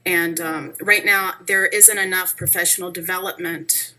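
Woman at a board meeting, hesitant, lots of ums, lowish voice, bright tone, table mic. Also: steady tone, moderate pace, a little hiss or hum, low-quality recording. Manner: hesitant, many ums and uhs. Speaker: parent speaking at public comment. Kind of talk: partly read public statement. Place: school board meeting hall, seated. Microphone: table microphone.

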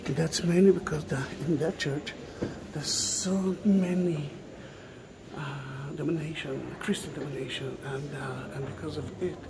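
A middle-aged man giving an unhurried walking tour of a large stone church, musing aloud and often dropping to a hushed whisper. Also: a little high, steady tone, vocal fry, background noise. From Israel. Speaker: tour guide. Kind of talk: walking video tour narration.

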